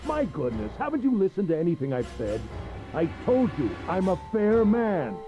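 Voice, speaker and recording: A woman's voice: lowish voice, sing-song, normal speed, over music, poor audio. A woman voicing a smug, cruel middle-aged man villain in a pompous, mocking way while reading a visual novel aloud.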